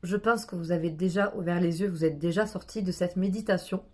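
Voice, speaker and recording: A woman guides a meditation aloud. She presses listeners with short repeated commands, and her voice climbs into shouts and wolf-like howls. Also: fairly low pitch, a little fast. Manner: urging, repetitive, building to shouts and howls.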